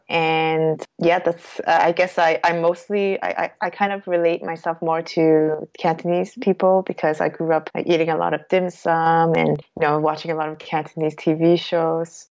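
A woman's voice: lowish voice, level tone, normal speed, few pauses, a little mellow. A woman in her twenties, a guest in an interview, answering casually with fillers and self-corrections. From Canada. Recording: dull lo-fi sound.

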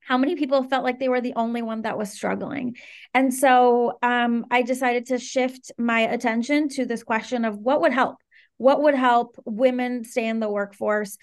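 Earnest, fairly high-voiced woman guest. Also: normal speed. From Venezuela and Washington DC area. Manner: articulate, earnest, animated. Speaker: guest, startup co-founder. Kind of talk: interview conversation.

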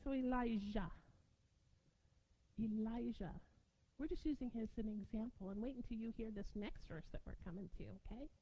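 A woman preaching a sermon, excitable and prone to shouting out her points with sudden bursts. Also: fairly high pitch, normal speed, slight background noise, low-quality recording.

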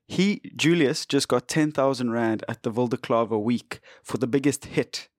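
A man's voice: mid-range voice, normal speed, dry recording. A young man from Africa, co-hosting a casual podcast chat with dry, teasing banter. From South Africa. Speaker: podcast co-host.

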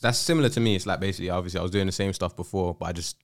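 Deep, smooth London roadman podcast host. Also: very fast. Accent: London roadman, urban slang. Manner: slangy, laid-back, informal. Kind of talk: casual chat, interviewing.

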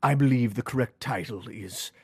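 A man voicing a stern, haughty noble lord who speaks with cold, measured condescension. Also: mid-range voice, slight background noise, pitched below the performer's own voice, close to an everyday voice.

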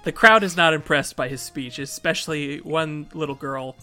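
A podcast co-host recapping the episode plot briskly in a casual chat, laughing often. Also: medium pitch, pushed and bright, faint music behind.

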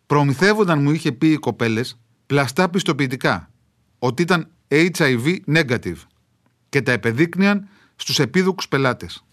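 A man, an author, reading aloud his own travel memoir in a wry, measured literary storytelling manner with dramatic pauses. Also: fairly high pitch, lively intonation, a bit bright.

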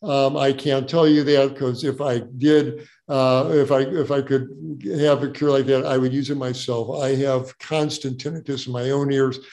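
A man's voice: medium pitch, little pitch movement, moderate pace, few pauses, darkish tone. An older man, a doctor, answering audience questions in a casual, joking way, often repeating words as he explains. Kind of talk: casual Q&A advice.

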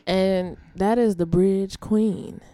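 A woman's voice: medium pitch, fairly even intonation, takes it slowly, dark tone, no echo. A young woman co-hosting a podcast, chatting casually, joking and breaking into song and laughter. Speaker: podcast co-host.

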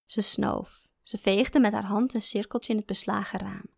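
A woman reads a first-person story aloud in a calm, measured voice. There's a gravelly fry in her tone. The recording is close and very dry. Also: medium pitch, no echo. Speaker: narrator.

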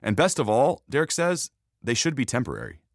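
A man's voice: medium pitch, huge pitch swings, brisk, no room sound, clean studio sound. A man hosting a fitness podcast as a trainer, reading scripted narration.

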